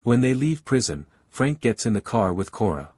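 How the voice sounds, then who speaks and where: Male recap narrator, husky and lowish, steady scripted read, dry close sound. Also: moderate pace, no echo.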